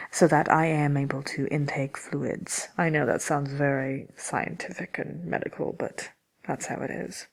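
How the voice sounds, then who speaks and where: A haughty wicked witch, acted by a woman, hosts an ASMR question session in a low, soft-spoken voice. She takes her time with a slow, hesitant delivery full of vocal fry, sounding dry, grumpy and condescending. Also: exaggerated voice. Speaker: host of a question-and-answer show.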